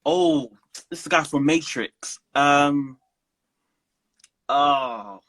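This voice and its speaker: Bright-voiced playful man in an interview. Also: fairly high pitch. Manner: playful, animated, quick to laugh. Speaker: guest, preacher. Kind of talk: casual interview.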